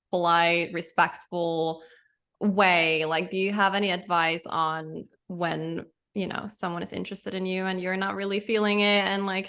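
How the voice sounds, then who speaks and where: Brief: female podcast host, lowish voice, loose rambling chat. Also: fairly bright tone. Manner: rambling, many fillers and restarts. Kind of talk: casual interview chat.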